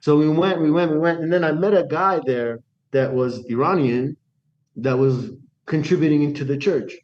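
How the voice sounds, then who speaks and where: An Iranian man, appearing as a guest, relates his life story in a laid-back interview. His pitch is fairly high and his pace moderate, and he speaks with animation, restarting sentences and voicing the dialogue he quotes; the sound is lo-fi.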